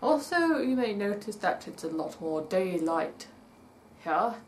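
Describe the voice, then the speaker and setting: At home by day, with faint traffic outside, a woman vlogs casually in a husky voice that hasn't warmed up, working through a list of points, commenting on each, and spelling words out letter by letter. Her pitch is medium, and she's very animated yet unhurried, rambling as she goes.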